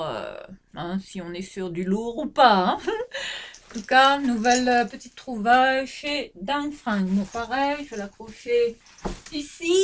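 A middle-aged woman from France in a casual haul vlog, rambling with lots of fillers and restarts as she shows her finds to the camera at home. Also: a little high. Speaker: fashion vlogger.

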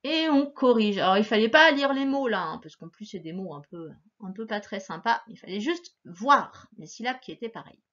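A woman's voice: mid-range voice, lively intonation, moderate pace, hardly any pauses, a bit bright, highs cut off. A woman teacher giving a recorded phonics lesson to a child, patient and encouraging, stressing each sound.

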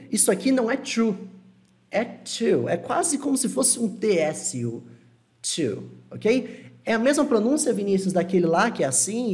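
A young man teaching an online lesson, relaxed and reassuring, repeating words slowly to model pronunciation. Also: high voice. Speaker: English teacher.

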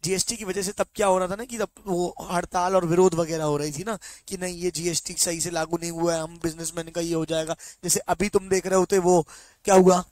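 A male teacher giving an online exam-prep lecture, mixing Hindi with slow English read-outs and quizzing students with quick check questions. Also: high-pitched, level tone, darkish tone, no echo.

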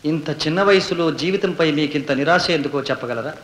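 An actor playing a sharp, insistent lawyer cross-examining witnesses in an old film. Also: male voice, on the high side, quick pace, natural voice. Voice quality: probing, insistent. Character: sharp probing male defence lawyer. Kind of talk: 1970s Telugu film acting. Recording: echoey old film soundtrack.

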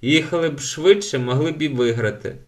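A man voicing a grumpy, sharp-tongued ten-year-old boy in a storybook reading, raising his voice for the boy. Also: a little high, a little fast, voice pushed up, natural voice. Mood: teasing.

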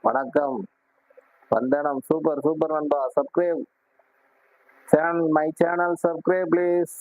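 A man hosting a casual live stream, greeting viewers warmly and repeatedly asking them to like and subscribe. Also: a little high, little pitch movement, slow pace, no room sound, faint music behind. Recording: tinny phone-like sound.

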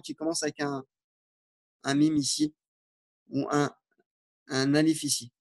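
Guy teaching arabic online, reads phrases slow then explains in french, voice a bit high. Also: a little mellow. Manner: informal, reassuring explanations. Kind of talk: online language lesson.

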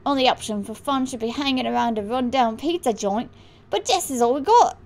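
A woman's voice: on the high side, lively intonation, fairly quick. A woman voicing a worn-out, broke middle-aged father with an attempted Australian accent, apologetic and putting on forced cheer. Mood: weary.

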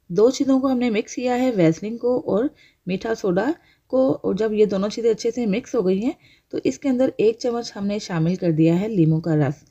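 A woman's voice: medium pitch, mellow, highs cut off. A woman hosting a home remedy channel, speaking in a chatty, repeating how-to voice-over addressed to the viewer. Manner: chatty, repeats instructions, talks straight to the viewer. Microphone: voice-over over hands-only cooking footage.

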